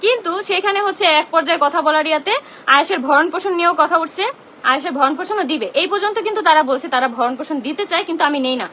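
A woman's voice: very high-pitched, very fast, sharp tone, slight background noise. A young woman, ranting indignantly on a live stream from her phone at home. She keeps repeating herself and confronts the people she blames. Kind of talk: emotional live-stream rant.

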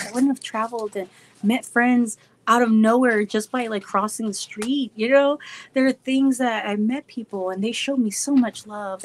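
Laughing a lot, a goofy, chatty wrestler vlogger fields her viewers' questions with plenty of fillers in a casual talk to her audience. Her voice runs on the high side, with noise in the background.

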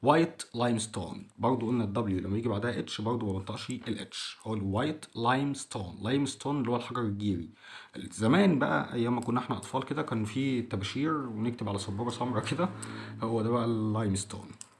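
A man's voice: mid-range voice, fast. Egyptian man teaching English words. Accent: Egyptian Arabic. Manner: repeats each English word several times. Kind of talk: vocabulary lesson for children.

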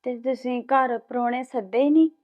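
A woman's voice: fairly high pitch, steady tone, brisk, narrow, tinny audio, natural voice. An actress playing a new bride who hesitantly questions her husband about his family. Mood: worried. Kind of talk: village family drama acting.

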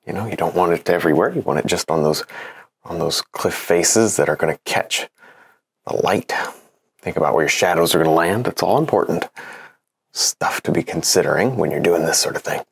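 A man's voice: deep voice, brisk, creaky, slightly rough. A young man giving a casual painting lesson in a home studio, chatty and self-encouraging, laughing often as he works. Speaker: painting instructor.

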